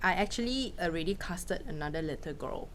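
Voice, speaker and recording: Woman, from Malaysia, bright tone, casual Q&A, anecdotal, laughs often. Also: lowish voice, animated, fairly quick, a little hiss or hum. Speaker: film director giving a masterclass. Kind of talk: casual Q&A talk.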